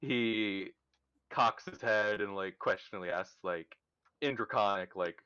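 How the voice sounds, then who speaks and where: A man plays a tabletop game, talking casually and jokingly in halting phrases. His voice is fairly low and smooth. The sound is dry and close. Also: sharp tone, no room sound, highs cut off. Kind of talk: casual role-play chat.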